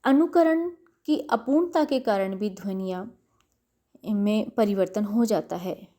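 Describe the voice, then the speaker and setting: A middle-aged woman lecturing to university students in a calm, measured way. Her voice is mellow and warm, and she repeats words slowly to show how they are pronounced. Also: medium pitch. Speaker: college lecturer.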